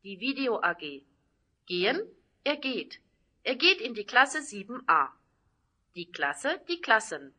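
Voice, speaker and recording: A woman slowly reading out a German vocabulary list, single words and short example sentences with pauses between them. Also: a little high, pushed and bright.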